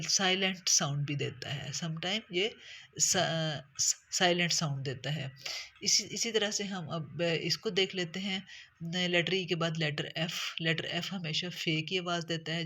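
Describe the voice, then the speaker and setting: A teacher with speech walks through English letter sounds, pausing often on fillers and spelling words out letter by letter. The voice is husky with a gravelly edge. Its tone is bright and tense. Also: medium pitch. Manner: hesitant, many fillers and restarts, spells out words. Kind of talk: spoken lesson on letter sounds.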